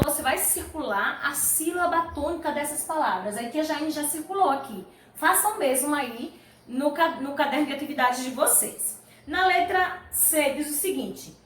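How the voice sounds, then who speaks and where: High-voiced woman teacher in an echoey room. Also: fairly bright tone. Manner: patient, slow and drawn-out, praising pupils. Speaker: primary school teacher. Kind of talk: classroom lesson correcting workbook exercises. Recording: echoey room, mic at a distance.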